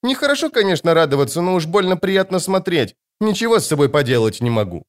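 A man voicing a precocious, eerie small girl who speaks calmly and with scorn. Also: on the high side, quick pace, voice pushed up. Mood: mocking. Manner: calm, scornful, matter-of-fact.

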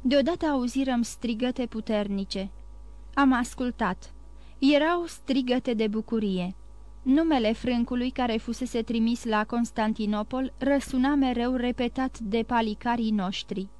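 A woman narrating a classic novel in a measured, expressive audiobook reading. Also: fairly high pitch. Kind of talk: scripted literary narration.

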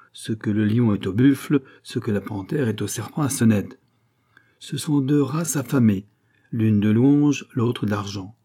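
A man's voice: medium pitch, close to an everyday voice. A man doing the jovial sea captain Corcoran. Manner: cheerful, teasing, lively. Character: bold jovial male Breton sea captain.

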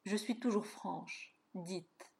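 A frank older lady, fifty-eight, with a hint of irony, spoken softly and warmly by a woman narrator. Her calm answers come plainly and without fuss. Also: medium pitch, takes it slowly, creaky. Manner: frank, lightly ironic. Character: cheerful plump woman of 58, frank.

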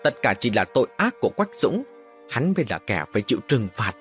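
A man voicing a steady older lady. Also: mid-range voice, fast, soft background music. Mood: reproachful. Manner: steady, reproachful. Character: calm older lady of the house, woman.

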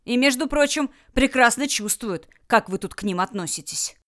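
A woman's voice: a little high, animated, normal speed, fairly bright tone. A woman reading an audiobook, voicing a hot-tempered tough man who barks out blunt, coarse words. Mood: furious. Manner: barking, blunt. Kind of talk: audiobook character voice.

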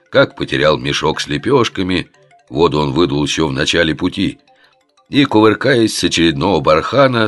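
A man reading a comic adventure novel aloud as scripted narration, in a lively, ironic storytelling manner. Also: extremely low pitch, no room sound. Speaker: audiobook narrator.

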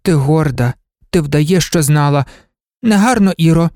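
A woman's voice: low-pitched, lively intonation, unhurried, dark tone, dry recording, clean studio sound, voice pushed up. A woman voicing an anxious, doting mother who frets and pleads with her daughter. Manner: fretful, pleading. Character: anxious, doting older mother, a professor's wife.

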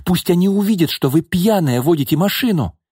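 A man voicing a calm, firm young woman who stands her ground coolly. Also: high-pitched, fairly quick, husky, no room sound, clean studio sound, pitched above the performer's own voice. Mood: stern. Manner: cool, stern, composed.

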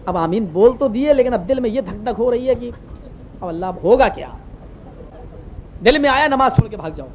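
A man from Uttar Pradesh, India, preaching a sermon through lively anecdotal storytelling. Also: extremely high pitch, pauses often. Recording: muffled lo-fi recording with faint hiss.

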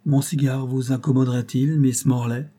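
An impatient young traveler, acted by a man reading a novel aloud, restless and exclaiming, pitched a touch above his usual speech. The voice is warm and somewhat husky, with a dark tone. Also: flat delivery, normal speed, natural voice.

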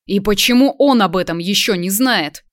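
Woman voicing a loud mocking grown man. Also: mid-range voice, normal speed, no echo, clean studio sound, close to an everyday voice. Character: brash loud grown man, former school rascal. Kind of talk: audiobook character voice.

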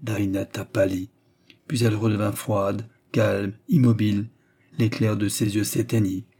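A man reading a classic novel aloud in measured, scripted narration. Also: lowish voice, little pitch movement, mellow, slightly rough. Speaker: audiobook reader.

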